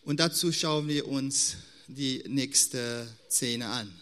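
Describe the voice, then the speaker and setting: A man preaching a sermon in an earnest, unhurried way. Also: medium pitch, a bit bright. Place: church hall. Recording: long hall reverb.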